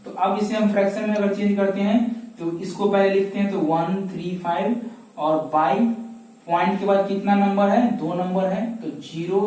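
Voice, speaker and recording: A man's voice: sits high, dark tone. A man teaching a math lesson step by step, asking questions and answering them himself, recorded from a distance. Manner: asks questions and answers them himself, repeats key steps. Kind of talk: classroom lesson explaining step by step. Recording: echoey room, voice from a distance.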